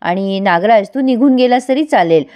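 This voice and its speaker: A woman's voice: a little high, lively intonation, moderate pace, muffled recording, close to an everyday voice. A woman voicing a stern, wealthy father. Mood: firm.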